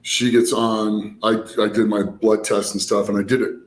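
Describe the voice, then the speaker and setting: Low-voiced man, rambling, in a roomy space. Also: little pitch movement, moderate pace. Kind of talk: casual conversational storytelling. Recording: roomy echo, background noise.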